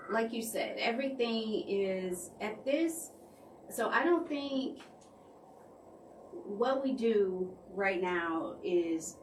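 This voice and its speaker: A woman who is a guest R&B artist, speaking in a hesitant way with many pauses and ums. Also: fairly low pitch, far from the mic, slight background noise. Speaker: guest R&B artist and show co-host. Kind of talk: casual podcast conversation. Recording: echoey room, set back from the mic.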